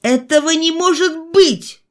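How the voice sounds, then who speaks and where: A woman reading an audiobook and voicing a young male country doctor who speaks excitedly. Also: mid-range voice, measured pace. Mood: agitated. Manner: excited, exclaiming.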